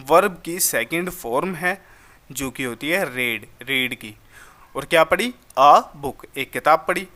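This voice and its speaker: A man explaining an English grammar lesson in a friendly, instructive way, reading example sentences slowly. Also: fairly high pitch, sharp tone. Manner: addresses listeners as brother, slow drawn-out example sentences. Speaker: English teacher.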